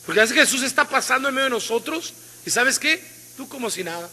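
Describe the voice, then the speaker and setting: A pastor preaching a sermon in a casual, colloquial way, often asking the congregation questions. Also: male voice, extremely high pitch, animated, fast, bright, forceful tone, big-room sound. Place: church.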